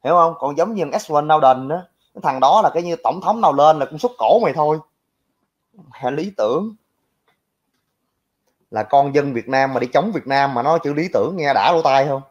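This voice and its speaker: A man's voice: a little high, expressive, normal speed, long pauses. A young man with a Southern Vietnamese accent who rants in reply to viewer comments, brash, crude and mocking toward his critics. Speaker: livestream commentator. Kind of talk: ranting reaction to viewer comments. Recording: lo-fi, dull audio.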